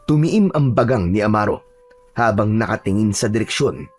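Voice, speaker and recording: Husky male horror-story narrator. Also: fairly low pitch, normal speed, faint music behind. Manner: steady storytelling.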